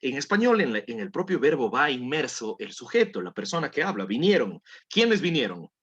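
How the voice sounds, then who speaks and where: A man's voice: mid-range voice, sing-song, fairly quick, a bit bright, slightly rough, highs cut off. A man teaching a language class, patiently coaxing students through pronunciation drills and repeating words for them to copy. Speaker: English teacher.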